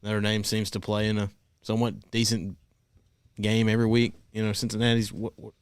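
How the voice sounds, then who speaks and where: Low-voiced, dry male sports panelist. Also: monotone, fairly quick, smooth, no echo. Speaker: sports talk show panelist. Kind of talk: casual sports talk, making picks.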